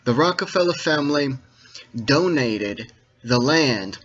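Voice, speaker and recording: Dull lo-fi recording of a man lecturing deliberately. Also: mid-range voice, animated, a bit bright. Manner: didactic, checks that listeners follow. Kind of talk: informal monologue to viewers, lecturing. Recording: dull, lo-fi sound.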